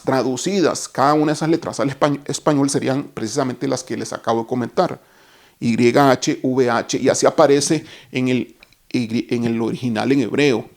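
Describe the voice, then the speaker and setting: A man teaching a Bible lesson, explaining each term step by step and stopping to correct himself. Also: medium pitch.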